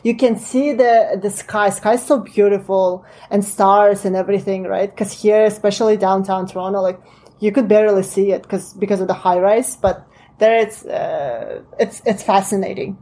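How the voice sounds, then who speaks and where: Mellow Russian-accented woman in her late twenties. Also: medium pitch, steady tone, moderate pace. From Kazakhstan. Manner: friendly, chatty, many fillers and restarts. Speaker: guest entrepreneur. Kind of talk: casual interview chat.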